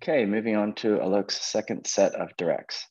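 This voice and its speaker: This quiz host speaks at a moderate pace in a low, darkish, husky voice. He puts questions to the contestants and reacts warmly to their answers, all captured as dull lo-fi online call audio.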